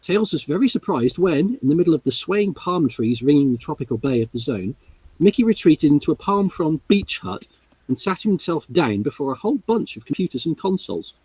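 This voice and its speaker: A man narrates a storybook aloud in a relaxed livestream read-along. His reading moves with lively pitch and a faintly husky tone. He sounds amused by the text. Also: fairly quick, no echo, poor audio. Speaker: livestream reader.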